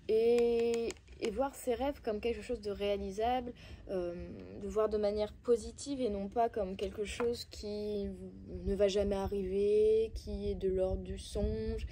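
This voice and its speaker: A woman's voice: medium pitch, warm tone, a little hiss or hum. A woman with a Belgian French accent gives a casual oracle card reading, speaking straight to her viewers with coaxing but blunt advice and many hesitations.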